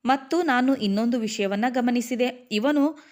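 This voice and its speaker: Woman narrator, measured dramatic storytelling read-aloud. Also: medium pitch.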